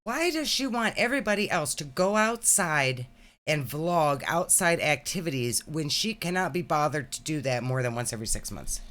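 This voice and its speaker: A woman's voice: low voice, expressive, normal speed, a bit bright. Sarcastic woman bantering on a stream. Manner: sarcastic, teasing. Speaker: co-host of a reaction stream. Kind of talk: casual banter reacting to a video and chat.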